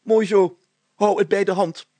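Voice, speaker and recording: A man's voice: high-pitched, steady tone, measured pace, mellow, no room sound, voice pushed up. A man reading a storybook aloud, voicing a pompous, self-important male mayor who blusters and lectures.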